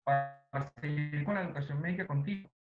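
A man's voice: a little high, fairly quick, over music. Man on a crackly, choppy call line. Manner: hesitant, with many restarts. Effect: crackly, choppy phone-like line that keeps cutting out. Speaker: doctor giving a lecture. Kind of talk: online medical lecture. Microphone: video call. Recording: tinny, breaking-up video call audio.

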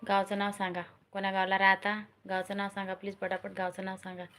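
A woman's voice: mid-range voice, completely flat delivery, fast talker, fairly bright tone. A middle-aged woman from Maharashtra, chatting casually on a live stream and repeatedly urging viewers to join and comment. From Maharashtra, India.

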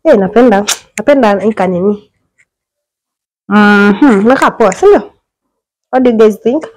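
Walking through a small apartment with her phone camera, a young Kenyan vlogger chats casually to viewers on a house tour. Her voice sits at medium pitch, and she talks in a chatty way, dropping quick, lively exclamations and mixing English with Swahili slang. Ordinary indoor room sound surrounds her.

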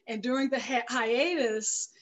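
The recording is poor: a headset on a video call, from indoors at home. It captures a middle-aged woman, a guest filmmaker, casually recounting her story at a measured pace in a fairly high voice, often acting out the things that were said.

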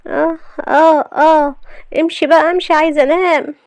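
Woman playing a shrill, sassy young wife. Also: steady tone, darkish tone, no echo. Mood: sleepy, irritated. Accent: Egyptian Arabic. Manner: mocking, quick comebacks, high and shrill.

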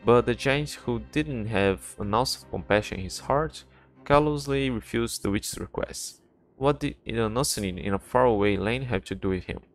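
A man's voice: medium pitch, moderate pace. A man streaming a game and reading its text aloud plainly, with restarts, faint music behind.

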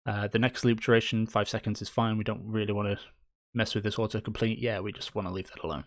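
Hosting a game engine tutorial captured by screen recording, a man speaks quickly in a lowish voice with a flat delivery. He's talkative and upbeat, sprinkling in playful cheers, and he sounds a bit hoarse from an approaching cold.

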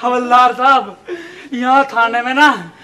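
A man's voice: very high-pitched, slow, sharp tone, full character voice. A man playing a cocky village informant. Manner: cocky, bargaining rustic talk. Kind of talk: comedy skit acting. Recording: noisy background hiss.

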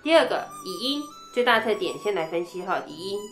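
A woman's voice: medium pitch, big pitch swings, fairly quick, fairly bright tone. A woman teaching flute technique in a chatty way, breaking down each passage and singing rhythm syllables, with a Taiwanese Mandarin accent. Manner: chatty, explains step by step with sung rhythm syllables. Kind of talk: instrument technique lesson. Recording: echoey room, faint music.

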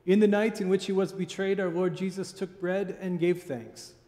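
A high, mellow male voice recites the liturgy in a steady, solemn cadence. Each phrase rolls out into a cathedral echo with a long reverb tail, as if he stands at the altar of a large church. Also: moderate pace. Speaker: presiding minister. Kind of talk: leading a eucharistic liturgy.

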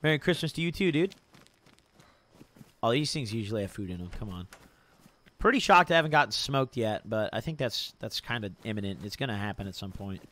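A young adult man chats briskly on a gaming stream, his lowish, fairly bright voice lively in intonation. Casual and laid-back, he swears freely and calls everyone "bro," "dude," and "boys" in true frat-bro fashion.

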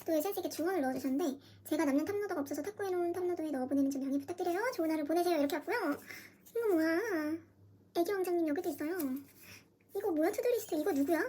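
A very high-pitched young woman chatting to camera in a dim room at home, gasping and squealing with delight as she unboxes. Faint background noise hums under her voice. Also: very fast. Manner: gushing, excitable, gasps and squeals. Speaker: vlogger. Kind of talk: casual unboxing chat.

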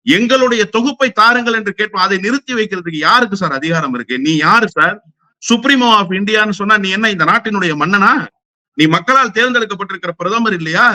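A man's voice: high-pitched, sharp tone, no echo. A man speaking as a political guest in a heated interview, combative and firing rhetorical questions.

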